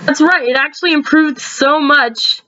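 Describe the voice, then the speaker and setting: A woman's voice: normal speed, pushed and bright. Sleepy chatty woman, lo-fi recording. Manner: chatty, with frequent ums and sudden upward pitch jumps. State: sleepy, yawning. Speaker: video creator reviewing her own episodes. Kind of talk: casual rambling commentary.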